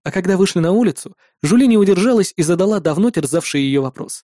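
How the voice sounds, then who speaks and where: Mellow audiobook narrator. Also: medium pitch, lively intonation, fast, no echo, clean studio sound. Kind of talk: first-person fantasy audiobook narration.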